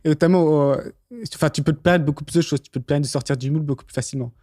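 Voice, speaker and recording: Male podcast co-host, fairly high voice, fast and jokey, dry close mic. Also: steady tone, warm tone, no echo. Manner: quick, joking asides. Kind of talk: casual podcast chat.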